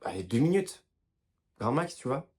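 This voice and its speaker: A husky, darkish, medium-pitched voice belongs to a very animated health video creator speaking at a moderate pace. He talks informally and directly to viewers with casual advice, often restarting sentences and apologizing for his pronunciation.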